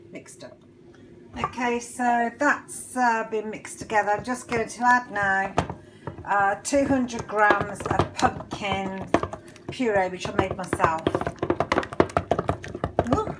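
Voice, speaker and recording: A woman's voice: mid-range voice, background noise. Chatty woman baking at home. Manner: chatty, self-narrating with frequent ums. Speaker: home cook. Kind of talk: casual cooking demonstration. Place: home kitchen.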